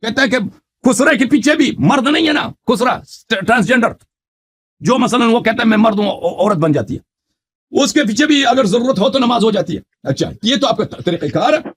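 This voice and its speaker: A man in a heated religious debate, forcefully quoting Arabic texts and accusing his opponent. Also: very high voice, expressive, breathy edge. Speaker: Shia debater.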